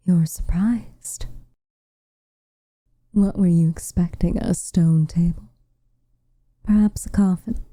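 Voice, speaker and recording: Recorded dry on a close studio mic with no room sound, a woman voices a tender, protective witch in a scripted, intimate ASMR roleplay. Her lowish, near-whispered voice is soft, breathy and steady in tone. She speaks gently and measuredly, teasing quietly with a dry streak.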